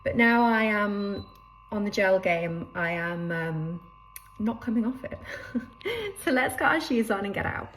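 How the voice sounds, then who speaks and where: A woman's voice: mid-range voice, measured pace, fairly bright tone, faint music behind, rough recording. A middle-aged woman chatting casually to camera as a vlogger, recorded indoors in her kitchen at home. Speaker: running vlogger. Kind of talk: casual vlog talk to camera.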